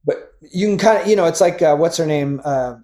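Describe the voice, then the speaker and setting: A middle-aged man in casual chat about music, animated and rambling, swearing freely and trailing off into fillers. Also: on the high side, a little fast.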